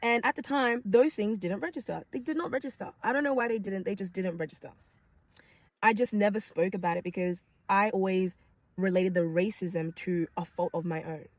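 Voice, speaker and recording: A young woman, a nurse, telling a personal story to camera in an animated way, with sudden high exclamations. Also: fairly quick, dry recording.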